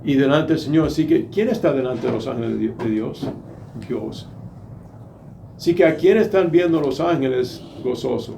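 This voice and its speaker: A middle-aged man preaching a sermon, emphatic, acting out quoted voices and moving between soft and loud delivery. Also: mid-range voice, moderate pace, vocal fry, slight background noise.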